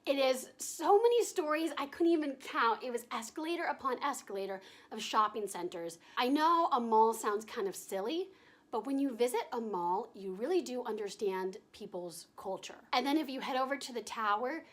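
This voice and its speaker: A woman's voice: fairly high pitch, expressive, fairly bright tone. Bubbly giggly young woman vlogging. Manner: bubbly, giggly, drawn-out enthusiastic gushing. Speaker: travel vlogger. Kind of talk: casual vlog narration.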